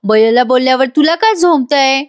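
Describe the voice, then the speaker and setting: A woman voicing a sharp-tongued, scheming older aunt who scolds and insults. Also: high voice, animated, moderate pace. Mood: scolding.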